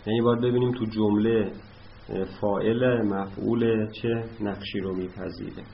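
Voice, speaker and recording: A man teaching an Arabic grammar lesson, explaining word patterns slowly and patiently as he writes examples on a board. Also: fairly low pitch. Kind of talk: classroom lesson. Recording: dull lo-fi recording with faint noise.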